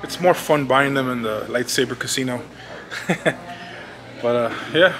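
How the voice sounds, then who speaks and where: A toy-collecting vlogger in his thirties with a Cuban accent browses a large toy store, filming on a handheld camera held close while busy store chatter carries on behind him. He's laid-back and joking, mumbling asides in a medium-pitched, unhurried voice.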